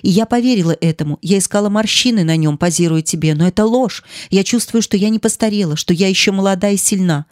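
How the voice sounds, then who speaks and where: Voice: medium pitch, fast talker, hardly any pauses, dry recording, studio quality, natural voice. A narrator voicing a passionate young woman pleading with her lover in an audiobook. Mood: insistent. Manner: pleading, impassioned. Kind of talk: audiobook character reading.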